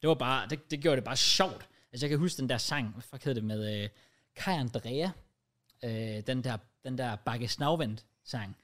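A man's voice: mid-range voice, fairly bright tone. A young adult man with a Danish accent chatting casually, swearing and mixing English slang into his talk. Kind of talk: casual chat.

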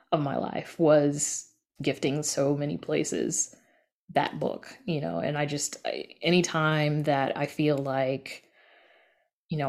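A woman with a low, slightly mellow voice chats casually as an interview guest, acting out snippets of imagined dialogue. She is a podcast creator and horror writer, and her manner is informal and conversational.

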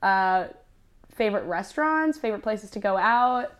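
A woman's voice: medium pitch, expressive, moderate pace. A woman hosting a podcast, asking questions and giving short encouraging replies. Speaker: podcast host. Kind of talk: casual chat.

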